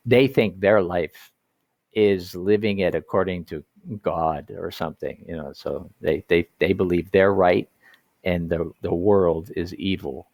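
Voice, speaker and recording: Guy teaching english online, deep gravelly voice, dry close sound, lots of stop-start restarts. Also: fairly even intonation, darkish tone, no room sound. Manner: halting, with many restarts and drawn-out emphasis.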